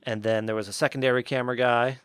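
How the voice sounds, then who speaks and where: A young man co-hosting a podcast tells a long story in a loose, rambling way, filling it with "like" and "um". His voice is smooth and resonant, and the recording is dry and close to the mic. His pitch sits in the middle for a man. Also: flat delivery, fast talker, a bit bright, no room sound. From Western Massachusetts. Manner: rambling, many fillers like "like" and "um". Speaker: podcast co-host. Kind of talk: casual storytelling chat.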